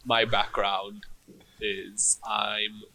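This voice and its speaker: A young adult man from Israel, speaking in a measured, hesitant way in a casual political discussion. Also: lowish voice, flat delivery, pushed and bright. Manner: measured, hesitant, many fillers.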